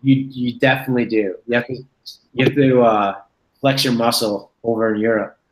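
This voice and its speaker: A man's voice: mid-range voice, steady tone, moderate pace, echoey room, low-quality recording. Rambling man in his thirties on a video call. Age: 30s. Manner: rambling, self-correcting storyteller. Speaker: host. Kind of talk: casual video-call chat. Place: home room, indoors. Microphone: webcam on a video call.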